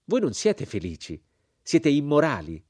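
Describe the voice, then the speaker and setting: A man's voice: fairly high pitch, wildly swooping pitch, measured pace, darkish tone, breathy edge, dry recording, clean studio sound, voice pushed up, heavily acted. A man doing a haughty American society lady. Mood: indignant. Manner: indignant, moralizing, cold.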